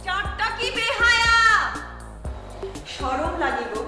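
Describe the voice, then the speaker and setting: A feisty, theatrical young neighbor. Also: female voice, extremely high pitch, sing-song, takes it slowly, heavily acted. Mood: theatrical rehearsal. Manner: melodramatic chanting of rehearsed lines, sharp retorts. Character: young woman rehearsing folk play lines, feisty neighbor. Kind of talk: comedy drama acting. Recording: echoey room with music behind.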